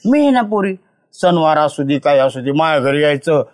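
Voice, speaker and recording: A fatherly older man with a rural Maharashtrian Marathi accent, speaking in a high voice. He plays a village elder in a family drama, steady and consoling as he talks. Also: moderate pace.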